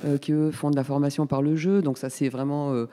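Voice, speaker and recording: Parisian-born lady in her 50s chatting on air, mellow voice, lots of "euh", reverby sound. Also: low-pitched, fairly even intonation, fairly quick. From Paris, France. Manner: chatty, hesitant with many fillers. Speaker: guest, community space coordinator. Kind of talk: casual radio interview.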